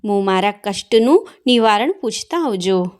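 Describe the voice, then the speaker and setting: A woman's voice: mid-range voice, expressive, a little slow, a little mellow, close to an everyday voice. A woman voicing a proud but unhappy male horse in a devotional tale, speaking formally and pleading.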